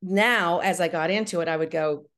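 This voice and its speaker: A woman appearing as a guest writer-director gives conversational interview answers, explaining things step by step and often checking in with the listener with "right?" and "you know." Her voice is lowish and fairly bright in tone, at a moderate pace.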